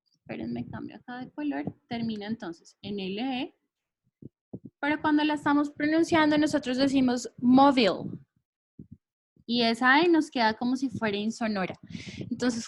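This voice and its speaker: High-voiced woman teaching English. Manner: patient, checks in with "¿listo?". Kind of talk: online class explaining syllable counting.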